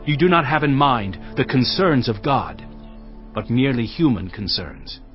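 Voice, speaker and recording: An actor playing Jesus as a grave, earnest teacher with solemn, emphatic delivery in a dramatized audio Bible. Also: male voice, medium pitch, expressive, moderate pace, lightly acted. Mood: stern warning. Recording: dull sound under prominent music. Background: music.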